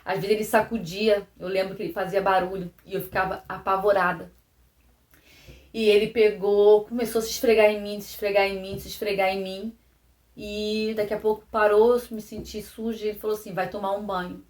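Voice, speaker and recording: Brazilian woman telling a halting personal story. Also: flat delivery. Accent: Brazilian Portuguese. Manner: halting, repeats phrases, often drops to a soft low voice. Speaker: vlogger. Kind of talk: personal testimony to camera. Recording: roomy echo.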